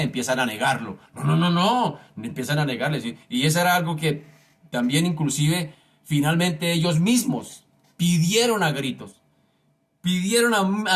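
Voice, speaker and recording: A man's voice: a little high, fairly bright tone. A man preaching a sermon, reading scripture aloud and speaking emphatically and directly to his listeners.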